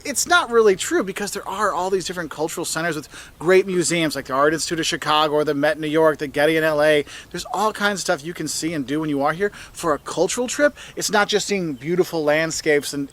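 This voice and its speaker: A man's voice: fast talker, fairly bright tone. A man giving upbeat travel tips, his voice jumping up for quoted phrases. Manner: enthusiastic, jumps up in pitch for quoted phrases. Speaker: travel video host. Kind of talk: travel advice video.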